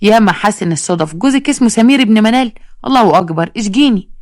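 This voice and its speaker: A woman's voice: mid-range voice, lively intonation, fast talker, darkish tone, no room sound, clean studio sound, close to an everyday voice. A woman doing a sarcastic young pharmacist. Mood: exasperated, sarcastic. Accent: Egyptian. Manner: sarcastic, exasperated.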